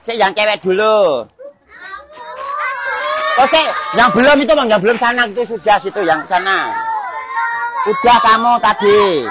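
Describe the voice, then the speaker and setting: A children's party magician with a Javanese Indonesian accent, hosting and urging the kids to shout along and join in chants. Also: mid-range voice, lively intonation, a little slow, long pauses. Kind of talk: kids' party hosting, calling out instructions, sing-along chants. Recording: noisy party crowd, loud background din. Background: loud crowd of party guests.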